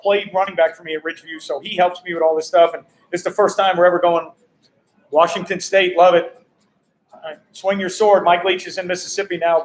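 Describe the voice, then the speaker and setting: A man, a high school football coach, hosting a casual live-stream walkaround, upbeat and greeting viewers and passersby. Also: low-quality recording. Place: hotel during a coaching clinic.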